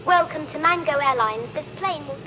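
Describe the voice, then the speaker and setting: A polite gate announcer over the loudspeaker. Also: female voice, sits high, slight background noise. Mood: formal. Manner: slow, formal announcer delivery. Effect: boarding announcement over an airport loudspeaker. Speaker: airline gate announcer in a flight simulator game. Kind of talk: scripted airline announcement. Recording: echoey hall over loud salsa music. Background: loud salsa music.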